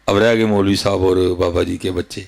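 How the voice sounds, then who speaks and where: A man in his thirties with a Punjabi accent, preaching a sermon with fervent rhetorical questions, sudden leaps in pitch and frequent address to his listeners. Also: fairly even intonation, creaky, a little mellow. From Pakistan. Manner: keeps addressing listeners as "hazrat ji". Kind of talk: Urdu sermon.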